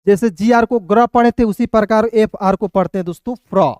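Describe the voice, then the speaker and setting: A man's voice: sits high, a little mellow, dry recording. A man teaching English pronunciation in an online video lesson, spelling words out letter by letter and repeating each one to his viewers. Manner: repetitive, addresses viewers as friends, spells out letters slowly.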